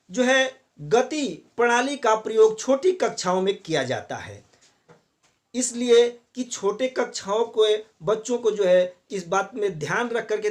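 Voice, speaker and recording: A man teaching a college class, explaining points step by step and repeating filler phrases often. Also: high-pitched. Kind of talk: classroom lecture on Hindi pronunciation.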